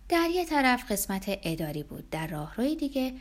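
Expressive woman narrating a novel. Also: on the high side. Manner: expressive, at times hushed to a whisper. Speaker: audiobook narrator.

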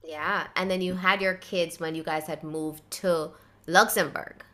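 A woman hosts a podcast with a bright, crisp tone and plenty of enthusiasm. She is effusive in how she praises her guest and guides the conversation along. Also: lowish voice, fairly even intonation, unhurried. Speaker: podcast host. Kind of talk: conversational interview.

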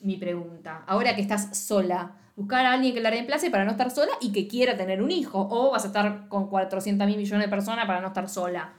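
A woman's voice: medium pitch, fast, hardly any pauses. A woman with a Rioplatense Spanish accent co-hosting a podcast, ranting bluntly and swearing freely in casual chat. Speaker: podcast co-host.

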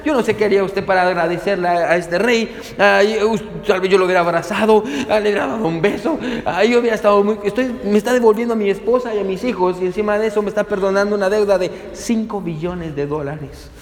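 A man's voice: high-pitched, fast talker, hardly any pauses, long reverb tail. A man preaching a sermon as pastor, asking his listeners questions and calling them to turn with him to the verses. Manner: asks the congregation rhetorical questions.

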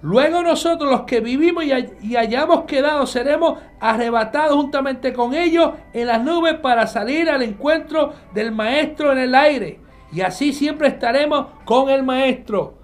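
A man's voice: very high-pitched, moderate pace. A man preaching a nightly online Bible teaching, emphatic, asking questions and answering them himself. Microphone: live stream with viewers connected.

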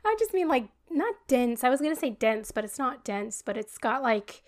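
A woman's voice: high voice, expressive, moderate pace. A woman co-hosting a casual chat podcast with her brother, rambling and hunting for words with lots of ums. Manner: laughs often. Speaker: podcast co-host.

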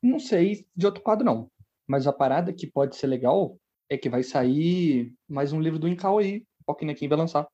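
Husky, animated Brazilian Portuguese guy, dull recording. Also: fairly high pitch, brisk. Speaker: podcast co-host. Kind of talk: casual podcast banter.

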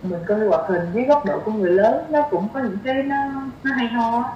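A young woman with a southern Vietnamese accent chats casually as a guest on a conversational podcast, thinking aloud and repeating phrases. Her voice is fairly high, animated and quick. The lo-fi recording has roomy echo, slight background noise, and faint music behind her.

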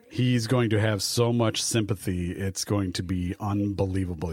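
A man with a fairly low voice co-hosts a podcast, recorded dry and close. He chats casually, laughing often and acting out what others said. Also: darkish tone, no room sound. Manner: laughs often, acts out quotes. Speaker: podcast co-host. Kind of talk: casual wrestling chat.

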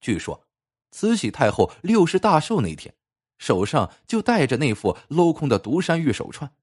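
A man narrating a folk tale with expressive, storytelling delivery. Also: on the high side, moderate pace, slightly rough.

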